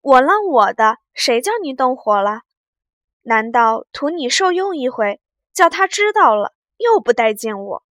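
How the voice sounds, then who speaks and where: A sly, sharp-tongued young maid from an old storybook, as a woman reads her aloud. Her voice sits a little high and moves slowly. The recording is dry and close. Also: lively intonation, no echo. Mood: scolding. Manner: teasing, sly. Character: clever teasing young maidservant, sharp-tongued.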